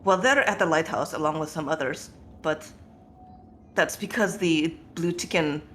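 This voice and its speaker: A player improvising tabletop role-play narration in a halting, rambling, self-correcting way. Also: medium pitch, fairly bright tone, a little hiss or hum.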